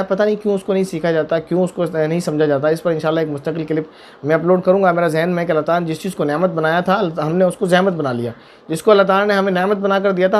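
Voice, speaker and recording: A man serving as mufti talks through viewers' religious questions in quick, rushing speech. His voice sits a little high, and he drives points home with repetition and pointed rhetorical questions. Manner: emphatic, repeats points, asks rhetorical questions. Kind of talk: religious Q&A talk.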